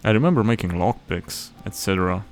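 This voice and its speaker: A man's voice: fairly low pitch, expressive, fairly quick. A man playing a video game and commenting casually, with wry, rambling asides. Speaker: let's play host. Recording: commentary over game music.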